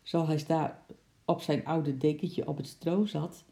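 A storyteller reads a children's story aloud, expressive and lively. The voice is gravelly, with a dark, mellow tone. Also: medium pitch, a little slow.

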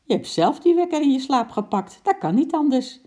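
A woman reading a storybook aloud, voicing an excitable, quarrelsome wife woken in the night, with a shrill, emphatic voice. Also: drawn-out words, full character voice.

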